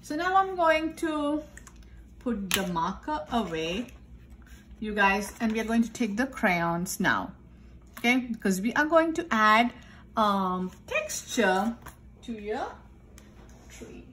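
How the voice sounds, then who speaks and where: A woman art teacher giving a step-by-step drawing lesson, calmly talking through each step as she draws at a desk. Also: on the high side, slow pace, pauses often, slight background noise. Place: indoors at a desk. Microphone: overhead camera filming the tabletop.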